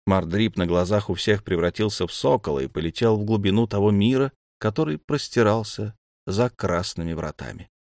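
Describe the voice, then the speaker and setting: A man reading an audiobook in steady scripted narration, close to the mic. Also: sits low, dry recording.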